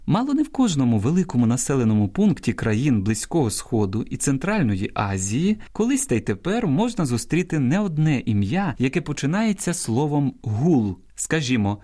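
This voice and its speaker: A man presenting a radio language program in a measured, teaching way with a Ukrainian accent, reading out examples and explanations. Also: mid-range voice, big pitch swings, warm tone. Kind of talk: scripted language-program narration.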